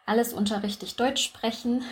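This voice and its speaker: Woman, pronunciation coach guesting on a podcast, clear and methodical, teacherly explanations. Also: fairly high pitch, unhurried. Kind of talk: explanatory interview answers.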